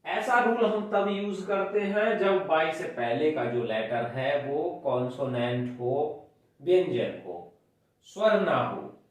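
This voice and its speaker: A male grammar teacher explains rules at a slow, deliberate pace, stretching words out and counting syllables one by one. His voice sits a little high for a man. The sound is very roomy and distant, as if the mic were across a large bare room. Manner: explains step by step, counts syllables aloud, drawls words while writing. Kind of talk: classroom grammar lesson. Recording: very echoey room, voice far from the mic.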